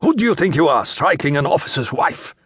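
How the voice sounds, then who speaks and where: Narrator doing a gruff bullying soldier in an audiobook, loud, pushed up in pitch. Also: male voice, sing-song, a little fast, dry recording, clean studio sound, heavily acted. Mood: menacing. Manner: gruff, threatening.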